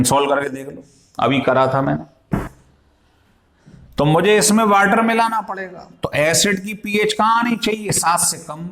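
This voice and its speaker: A man's voice: on the high side, sharp tone. A male chemistry teacher lecturing in a classroom style, explaining step by step and asking his students questions as he goes. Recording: echoey room.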